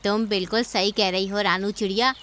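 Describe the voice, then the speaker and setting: A woman voicing a calm, sensible female bird auntie in a cartoon. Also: mid-range voice, fairly quick, natural voice. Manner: calm and reasonable.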